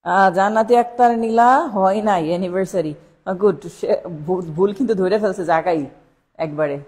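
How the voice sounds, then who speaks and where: A woman's voice: medium pitch, brisk, darkish tone. A woman teaching a live online English spelling lesson for exam preparation. She repeats each word several times and spells it out letter by letter.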